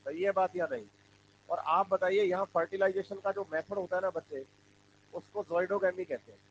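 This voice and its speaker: A man's voice: high voice, fairly even intonation, moderate pace, dull audio, a little hiss or hum. A man teaching biology to a class, quizzing students over and over and repeating the answers back to them. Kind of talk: classroom lecture with call-and-response.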